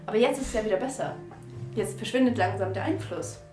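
A woman playing a tabletop role-playing game with friends, playful and excitable, often laughing. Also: medium pitch, fast, echoey room, music in the background. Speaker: player. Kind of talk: tabletop role-play banter.

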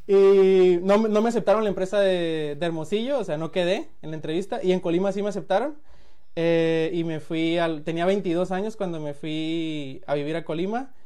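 A guest in his late twenties from Sinaloa, speaking with a Mexican accent, tells his story in a casual chat, loose and laughing, restarting phrases and acting out quotes. His voice is high-pitched and clean with a dark tone, and he keeps a moderate pace.

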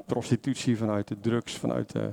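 A man's voice: medium pitch, flat delivery, brisk, creaky, warm tone. A man preaching an informal sermon, conversational, with many fillers and self-corrections and questions to the congregation. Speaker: lay preacher.

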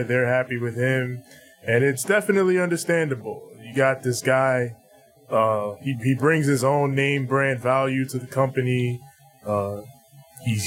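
A man with an average-pitched voice co-hosts a podcast. He talks informally, repeating himself and swearing now and then. Music sits faintly behind him. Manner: informal, profane, repeats phrases. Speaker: podcast co-host. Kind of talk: casual wrestling news chat.

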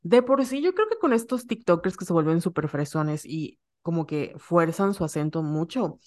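A woman's voice: on the low side, animated, moderate pace, darkish tone. Giggly Yucatecan woman podcaster. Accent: Yucatecan Spanish. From Yucatán, Mexico. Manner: playful, giggly, self-mocking. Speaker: podcast co-host. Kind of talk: casual chat.

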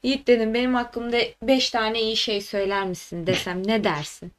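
A young woman co-hosting a casual chat, telling stories in an animated, exasperated way and swearing often. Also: fairly high pitch, normal speed. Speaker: podcast co-host.

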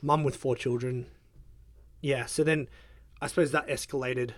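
A man's voice: mid-range voice, steady tone, normal speed, no echo. Hesitant young man, dry sound. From Australia. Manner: hesitant, filler-heavy, soft-spoken. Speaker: guest. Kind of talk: casual interview chat.

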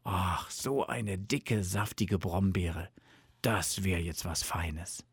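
A man's voice: mid-range voice, lively intonation, measured pace, a little mellow, husky, dry recording. A man voicing a sleepy, good-natured big male bear in a storybook reading, drowsy and easygoing. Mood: dreamy.

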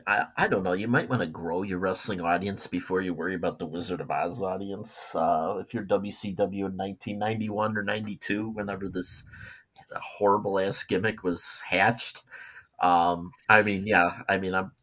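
A man co-hosting a casual podcast, talking in a halting way full of fillers and restarts, with blunt opinions. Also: sits low, steady tone, fairly bright tone. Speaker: podcast co-host.

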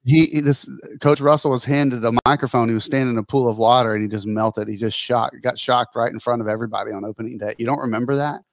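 A man's voice: medium pitch, fairly even intonation, fast, few pauses, no echo, clean studio sound. A middle-aged man co-hosting a podcast in casual chat, rambling and laughing through his stories. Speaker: podcast co-host.

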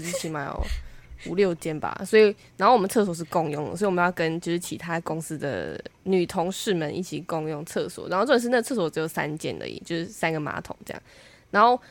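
A young woman, co-hosting a casual chat and complaining in an animated, exasperated way. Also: on the low side. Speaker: podcast co-host.

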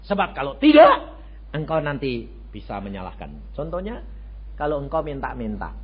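Pastor preaching with loud swings, lo-fi. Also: male voice, wildly swooping pitch, moderate pace, breathy edge. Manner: swings from loud exclamations to low asides, rhetorical questions to the congregation. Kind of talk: sermon. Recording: dull lo-fi radio broadcast.

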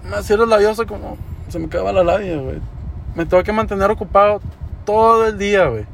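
Young guy, high gravelly voice, casual swearing storyteller, faint street noise behind. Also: fairly quick. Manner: slangy, swears often, says "güey" constantly. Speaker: podcaster.

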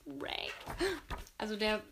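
A woman's voice: medium pitch, fairly even intonation, slow pace, creaky, noisy background. A woman reading a novel aloud for her viewers and making chatty, frank asides about the story.

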